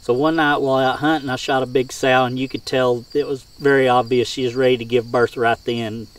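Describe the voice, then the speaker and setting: A middle-aged man with a mid-pitched voice spins casual hunting tales in folksy, rural phrasing. He is recorded outdoors at some distance from the microphone, with insects sounding around him. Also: little pitch movement, fairly quick. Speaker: hog hunter and game caller. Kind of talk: casual first-person hunting storytelling.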